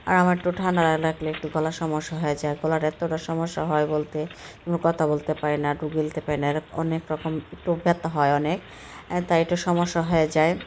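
A woman's voice: sits low, little pitch movement, quick pace, a little mellow, slight background noise. A woman in her thirties from Bangladesh chatting casually through a walking vlog outdoors, rambling with many fillers and restarts, her throat still recovering from soreness. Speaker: vlogger. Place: outdoors on a city street.

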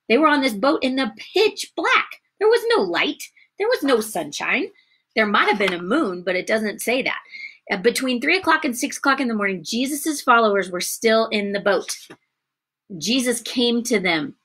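A woman teaching a Bible story to children, animated and asking them questions as she goes. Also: fairly high pitch, husky. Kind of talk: Bible story lesson for kids.

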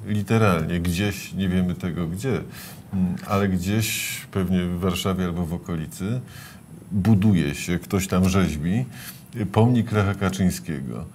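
Middle-aged male studio host, low voice, measured probing questions, faint hum behind. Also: darkish tone. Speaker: TV interview host. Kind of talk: political interview.

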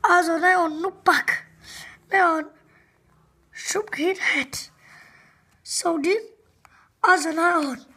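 A woman with a Vietnamese accent reading an English picture book aloud to children, slowly and carefully with some restarts. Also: very high voice, bright, forceful tone. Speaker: children's storybook reader.

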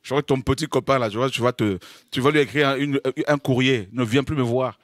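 A man preaching a lively sermon, exclaiming, making dramatic sound effects and laughing between points. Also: medium pitch, brisk, dry recording. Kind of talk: animated sermon.

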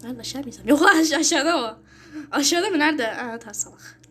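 A young woman commenting casually on her own gameplay, excitable, muttering and whispering to herself between sudden yells and shrieks when she is chased. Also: sits high, fast. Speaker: gaming channel host.

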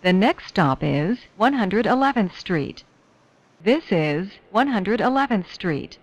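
A woman reading scripted train announcements in a measured, formulaic way. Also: mid-range voice, very animated. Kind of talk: scripted subway station announcements.

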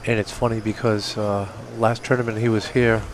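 A man's voice: fairly low pitch, normal speed. A man, a bowling center owner, chatting as a guest on a live bowling broadcast, matter-of-fact. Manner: relaxed, matter-of-fact explaining. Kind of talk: casual chat on broadcast. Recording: live broadcast with noise behind. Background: bowling alley noise.

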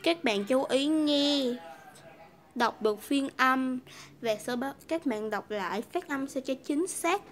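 A woman's voice: high-pitched, lively intonation, takes it slowly. A woman from Vietnam hosting a casual English lesson, chatty and repeating phrases for learners. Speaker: English teacher, video host.

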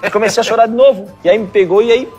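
Fast, high-voiced man. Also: soft background music. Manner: animated, profane, acts out quotes. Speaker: guest. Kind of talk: casual storytelling.

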